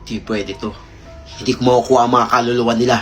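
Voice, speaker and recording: A woman voicing a smooth-talking young male demon who poses as a new student, speaking slow, deep and smug. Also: fairly even intonation, soft background music. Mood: sinister.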